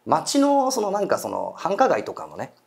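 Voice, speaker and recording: A man's voice: fairly high pitch, wildly swooping pitch, normal speed, creaky. A man telling a ghost story in casual chat, acting out quoted voices and eerie murmurs. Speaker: guest storyteller.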